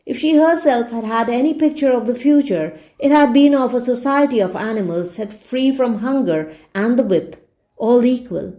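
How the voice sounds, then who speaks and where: This woman's mid-range, mellow voice carries an audiobook-style story reading in which she explains the meanings of words. She narrates like an English teacher doing a read-along.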